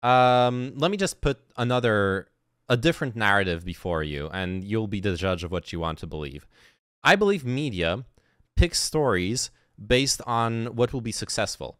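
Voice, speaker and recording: A man's voice: on the low side, expressive, normal speed, fairly bright tone, no echo, studio quality. A man giving sarcastic, exasperated reaction commentary on a podcast clip, swearing often.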